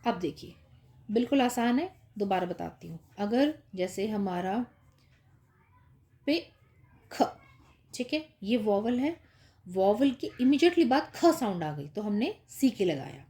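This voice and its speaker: Slow, patient woman teaching kids spelling. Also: mid-range voice, sing-song, dark tone. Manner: patient, repeats with "ठीक है" and "है ना" checks. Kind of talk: explaining spelling rules to young kids.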